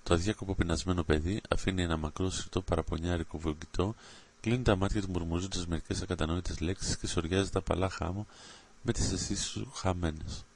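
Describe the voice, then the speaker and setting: A man reads an adventure story aloud in a very low voice. His delivery is steady and dramatic. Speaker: narrator.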